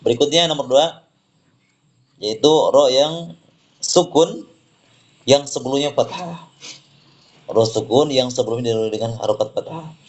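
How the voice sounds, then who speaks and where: Man teaching Quran recitation rules. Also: mid-range voice. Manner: explains slowly, repeats words, models recitation for students to echo. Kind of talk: tajwid lesson with recitation examples.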